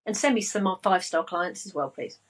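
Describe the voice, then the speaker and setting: Woman, breathy, slow and grounded delivery, podcast guest coach. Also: fairly low pitch, lively intonation, low-quality recording. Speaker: spiritual business and money coach, guest. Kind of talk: casual podcast chat.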